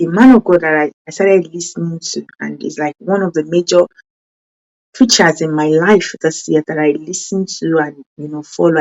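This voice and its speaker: A parenting channel host who speaks Yoruba comes through on a lo-fi recording, her voice slightly mellow. Earnest in tone, she revises her phrasing as she goes and lets her pitch spike when emphasizing something.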